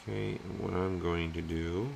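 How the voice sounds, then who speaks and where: A man's voice: low-pitched, fairly even intonation, moderate pace, creaky, a little mellow, slight background noise. A man streaming his 3D sculpting work, muttering half-finished thoughts aloud as he works and answers chat.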